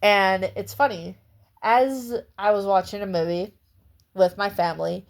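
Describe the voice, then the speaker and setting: A woman's voice: medium pitch, fairly even intonation, unhurried, creaky. A woman giving a casual vlog book review in a chatty, rambling way, often breaking into laughs.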